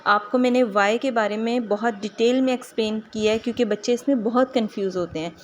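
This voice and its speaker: A woman teaching a home-schooling phonics lesson, sounding out words slowly syllable by syllable and mixing Hindi-Urdu with English. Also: a little high, slight background noise.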